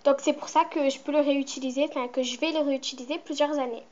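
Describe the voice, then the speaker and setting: A woman's voice: high-pitched, fairly even intonation, quick pace, darkish tone. A teenage girl chatting in a casual show-and-tell vlog, rambling with many fillers. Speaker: vlogger. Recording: muffled lo-fi home recording.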